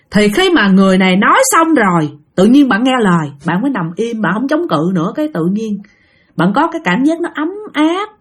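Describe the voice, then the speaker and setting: Chatty Southern Vietnamese woman telling stories. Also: medium pitch. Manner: chatty, often addresses listeners directly. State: has a cough. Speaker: ghost story channel host. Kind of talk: casual spoken storytelling.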